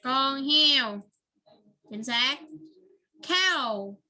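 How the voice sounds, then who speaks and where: A woman's voice: high voice, expressive, drawn-out words, pushed and bright. A woman teaching English to a child online, patiently repeating words and praising answers.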